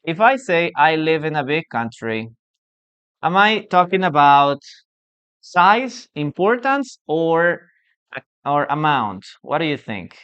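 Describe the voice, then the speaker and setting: Slow, patient man teaching English. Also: on the high side, sing-song, a bit bright, smooth. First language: Spanish. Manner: patient, repetitive, checks understanding with frequent "okay?". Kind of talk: live online English lesson. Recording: dull lo-fi stream audio.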